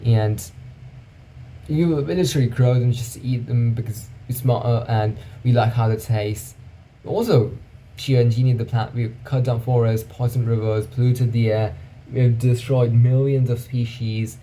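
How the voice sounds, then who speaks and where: A man's voice: medium pitch, steady tone, moderate pace, mellow, slight background noise. A man talking through his thoughts in a casual, reflective monologue, thinking aloud and often checking in with "right?". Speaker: vlogger.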